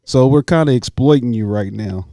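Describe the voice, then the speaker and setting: Man podcast host, mellow tone, easygoing and rambling, dry close sound. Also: mid-range voice, moderate pace, dry recording. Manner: easygoing, laughs often, rambling. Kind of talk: casual podcast chat.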